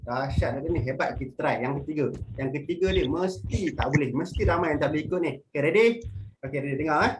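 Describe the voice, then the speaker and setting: A young workshop facilitator with a slightly high voice talks fast and upbeat to primary schoolchildren in a webinar. Playfully, he refers to himself as big brother and runs call-and-response drills, heard through noisy online video-call audio.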